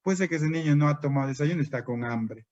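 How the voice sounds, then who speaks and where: A man's voice: on the high side, fast talker, a little mellow, no echo. A man giving a lecture to teachers as a trainer, asking and answering his own rhetorical questions. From Peru. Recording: dry, dull lo-fi recording.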